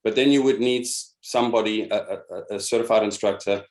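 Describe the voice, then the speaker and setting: A man's voice: lowish voice, fairly even intonation, a little fast, a little mellow, roomy sound. A man leading an online meeting of instructors, patiently explaining a program step by step and often repeating words as he searches for them. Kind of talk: explaining a program on a video call. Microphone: video call.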